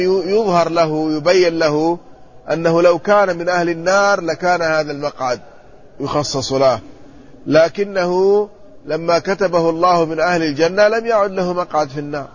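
High-voiced man teaching a hadith lesson. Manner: measured, explanatory, checks the text with students. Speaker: Islamic scholar teaching hadith. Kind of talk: classroom hadith commentary. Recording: muffled lo-fi recording with faint ambience.

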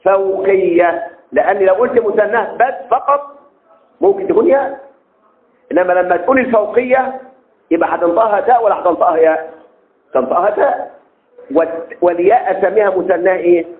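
A high-voiced man with an Egyptian accent lectures a class on Arabic text verification, drawing out key terms slowly and constantly asking his students rhetorical questions. The recording is echoey and comes through a tinny, phone-like line.

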